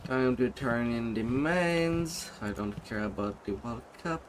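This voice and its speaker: A man's voice: mid-range voice, measured pace, noisy background. A man giving casual gameplay commentary as he plays, in short offhand remarks. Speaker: game player.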